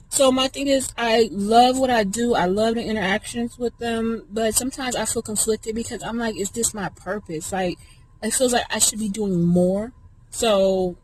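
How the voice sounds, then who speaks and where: A woman's voice: mid-range voice, slight background noise, rough recording. Chatty woman talking while she eats. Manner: chatty, rambling, talks while eating. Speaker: vlogger. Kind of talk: casual mukbang chat.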